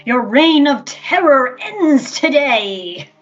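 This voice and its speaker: A woman's voice: high-pitched, sing-song, slow pace, muffled recording, pitched above the performer's own voice, exaggerated voice. A woman voicing a bold, defiant game hero in an exuberant, declamatory heroic voice. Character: bold, defiant hero challenging a dark ruler. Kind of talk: dramatic game character read. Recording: band-limited voice chat, music behind.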